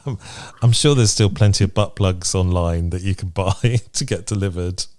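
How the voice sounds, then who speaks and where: Low-pitched and darkish, this British man talks at a moderate pace as a podcast co-host. He chats casually and reads items off a list, frank and playful throughout.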